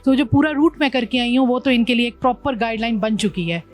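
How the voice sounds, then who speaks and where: A woman from Pakistan talks through her long motorbike ride in an interview, her voice a touch high and her telling animated. She drops English words into her sentences. Soft music plays underneath. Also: fast talker. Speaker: motorbike traveller, guest. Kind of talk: interview conversation.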